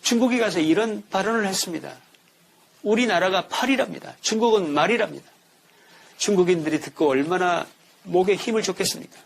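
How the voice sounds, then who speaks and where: Male commentator, slightly high voice, indignant, rhetorical, reads from a script. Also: a little fast, vocal fry. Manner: indignant, full of rhetorical questions. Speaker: political commentator.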